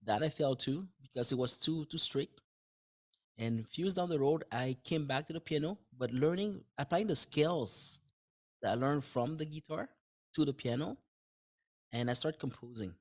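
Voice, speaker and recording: In a casual podcast interview, a dentist and author whose native tongue is French speaks at a moderate pace in a slightly high voice. He reasons aloud in simple language, often backing up to restart phrases, with occasional light laughter.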